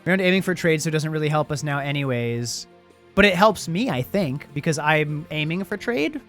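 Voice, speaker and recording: A man giving casual, animated playthrough commentary, thinking aloud as he plays and reads out game text. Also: fairly high pitch, brisk, soft background music.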